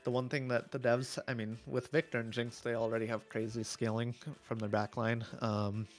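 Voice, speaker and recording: A man giving live esports draft analysis, chatty and opinionated with many fillers, his voice going hoarse. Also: mid-range voice, little pitch movement, normal speed, soft background music. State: losing his voice.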